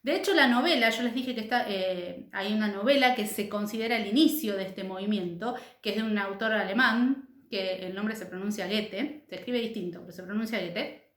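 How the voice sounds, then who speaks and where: A woman's voice: medium pitch, a little fast, few pauses. A woman teacher giving a recorded class lecture, explaining step by step and checking in with her students often. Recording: echoey room.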